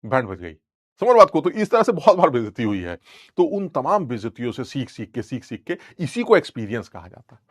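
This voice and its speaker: A man's voice: medium pitch, sing-song, a little fast, no echo, studio quality. A young male chemistry teacher, rambling and joking as he scolds his students playfully. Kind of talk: lecture with teasing asides.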